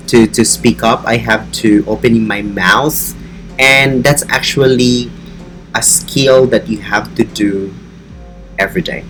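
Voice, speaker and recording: A man from the Philippines, an online English teacher with a Filipino accent, talks earnestly and encouragingly about his lessons in a casual teaching vlog. His voice is mid-range, and the audio quality is poor.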